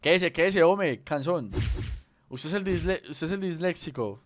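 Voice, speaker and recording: A man's voice: on the high side, expressive, moderate pace, slight background noise. Young guy streaming, playful slang. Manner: playful, rambling, peppered with slang. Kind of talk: casual livestream chat with viewers. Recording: slightly dull lo-fi stream audio.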